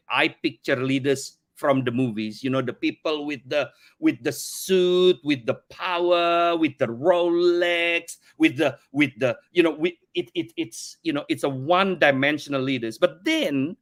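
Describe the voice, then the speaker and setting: A man's voice: fairly high pitch, a bit bright. Earnest Indonesian-born middle-aged man. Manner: earnest, repeats words while searching for phrasing. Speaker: company CEO, podcast guest. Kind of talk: conversational interview.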